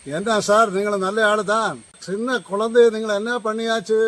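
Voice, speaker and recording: A man playing a blunt, man who fires off hard questions in a short drama film. The voice sits very high for a man, with faint noise behind it. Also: steady tone, moderate pace, fairly bright tone. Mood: confrontational. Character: blunt Tamil-speaking man confronting a suspect.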